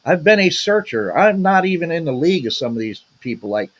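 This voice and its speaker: Husky guy rambling on a podcast, lots of "man" and "you know". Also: fairly high pitch, very animated, fairly quick, low-quality recording. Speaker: podcast co-host. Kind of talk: casual podcast chat.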